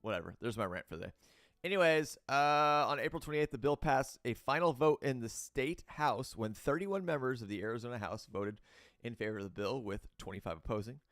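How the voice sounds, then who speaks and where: A man's voice: lowish voice, lively intonation, a little fast, no echo, studio quality. A man hosting a show, reading crypto news aloud and breaking into blunt, opinionated rants, with loose fillers and restarts. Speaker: host.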